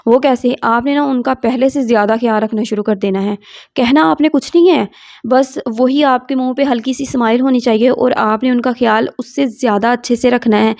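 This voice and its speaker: A woman's voice: fairly high pitch, fairly even intonation, a little mellow. A woman hosting an advice channel, talking to viewers conversationally and explaining with everyday examples and rhetorical questions.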